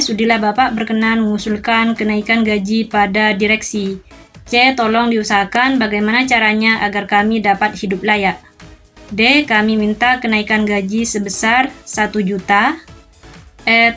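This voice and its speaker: A woman reading school exam questions and their answers aloud in a steady, methodical way. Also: mid-range voice.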